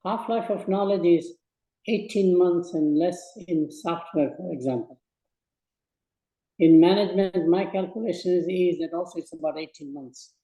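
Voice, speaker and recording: A man in his eighties from Burma, giving slow, measured advice in a speech to students. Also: sits high, dark tone, roomy sound, rough recording. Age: 80s. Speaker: guest speaker.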